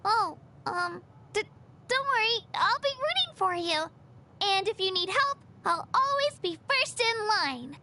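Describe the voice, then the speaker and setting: A woman's voice: very high voice, big pitch swings, measured pace, pushed and bright, a little hiss or hum, heavily acted. An actress voicing a cheerful, earnest young girl companion in a game, sweet and encouraging with a little shyness. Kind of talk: game character dialogue. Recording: game dialogue under background music.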